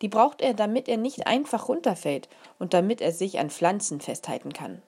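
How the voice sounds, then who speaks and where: A woman voicing a gentle mother who explains things to her small daughter in a lively, patient way. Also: mid-range voice, normal speed, breathy edge, pitched above the performer's own voice. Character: warm, careful mother of a small girl.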